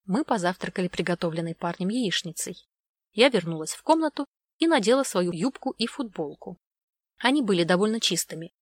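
A woman reading a first-person story aloud with steady storytelling. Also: fairly low pitch, brisk, dry recording. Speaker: audiobook reader.

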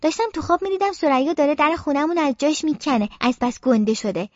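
An audiobook narrator with a high voice tells a story in the first person as a young girl, childlike and expressive, adding playful sound effects. The recording is dry and slightly muffled.

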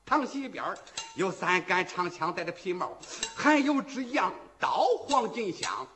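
A man's voice: high-pitched, very animated, unhurried, bright, forceful tone, soft background music. A middle-aged man performing traditional rhythmic storytelling, chanting rhyming verse and dropping humorous asides to his listeners.

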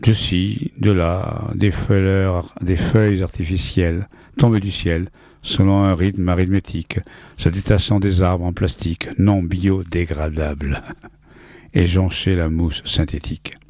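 A man's voice: sits low, fairly even intonation, measured pace, a little mellow, no room sound. A man reading a short story aloud, with a rhythmic, playful delivery that leans into wordplay.

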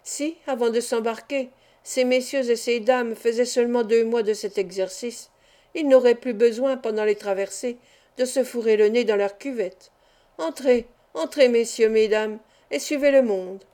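Woman reader as jolly young male acrobat, chatty patter, warm tone. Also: fairly high pitch, moderate pace, close to an everyday voice. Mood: joyous.

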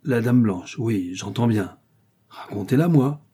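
A man's voice: medium pitch, animated, measured pace, warm tone, husky. A man voicing a fussy, anxious older mother-in-law who keeps pressing questions and grows frantic. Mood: prying. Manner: prying, insistent questions, then frantic pleading.

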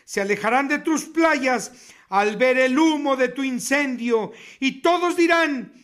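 A man preaching a sermon on the radio, reading scripture in a slow, emphatic, declamatory way. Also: very high-pitched, a bit bright. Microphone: radio studio mic.

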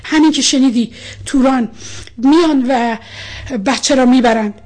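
A woman's voice: high-pitched, fairly even intonation, slightly rough. A woman voicing an angry, stern older male colonel who scolds his daughter in a storybook reading. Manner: shouting, scolding.

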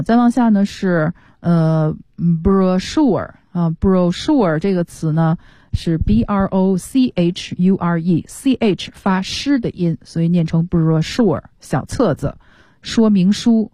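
A woman teaches English on a radio program, walking through each word's pronunciation with patience. Her voice sits a little low and sounds mellow. The studio sound is dry and close. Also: takes it slowly, no echo. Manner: patient, explains pronunciation step by step.

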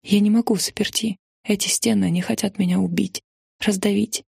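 A frightened young woman prisoner who pleads and fears the walls around her, read by a woman. The voice is husky and gravelly, set a little low. It is dry and close to the mic. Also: steady tone, brisk, dark tone, no room sound. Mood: desperate. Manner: pleading, fearful.

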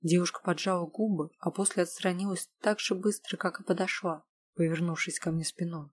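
Woman narrator, husky voice, steady first-person novel reading. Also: on the low side, fairly quick.

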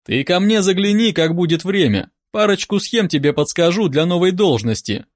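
A man voicing a loud, hearty, slightly envious middle-aged neurologist in an audiobook. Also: lively intonation, moderate pace, dry recording, clean studio sound. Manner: booming, hearty, drawling.

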